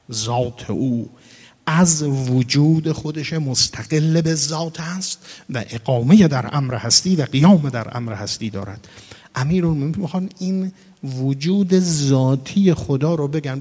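Man lecturing in a reverberant hall. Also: mid-range voice. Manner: expounding, with sudden emphatic rises and hushed drops; recites Arabic scripture in a chanting cadence. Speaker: religious lecturer. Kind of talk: religious lecture to a gathering.

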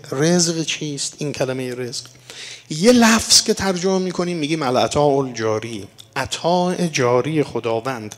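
A man giving an evening sermon that explains scripture, reciting verses slowly and asking rhetorical questions before answering them. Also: medium pitch. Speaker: religious lecturer. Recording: long hall reverb.

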